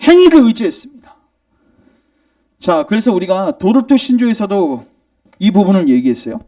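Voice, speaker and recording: Male pastor, sermon delivery, high and lively voice with a dark, mellow tone, heard from across a church sanctuary, asks and answers his own questions. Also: moderate pace, distant mic. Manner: questions the congregation and answers himself; emphatic, rising in argument.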